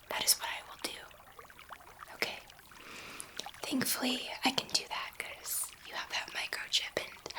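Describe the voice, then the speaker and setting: A woman with a high-pitched, soft and breathy voice whispers as a gentle, awed alien scientist in a sci-fi ASMR roleplay. Her delivery is tender and reassuring, broken by halting pauses, and the mood is dreamy and soothing.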